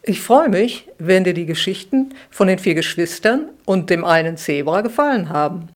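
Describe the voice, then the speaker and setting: A middle-aged woman, a children's author, reading her own bedtime story aloud for a podcast in a lively, expressive way. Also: on the low side, normal speed.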